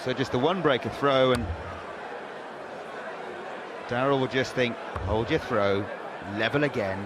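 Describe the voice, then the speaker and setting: A male darts commentator with a middling pitch analyses the play as it happens. He speaks in measured, clipped phrases, with the clear noise of a crowd behind him. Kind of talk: live sports commentary.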